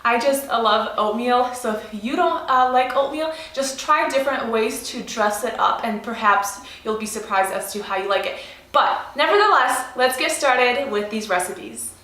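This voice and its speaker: A young Polish woman, a vegan lifestyle vlogger, chats casually in a Polish accent blended with Chicago for a cooking vlog with voice-over. Her fairly high voice is pushed and bright at normal speed, friendly and chatty with fillers. The audio is poor and roomy.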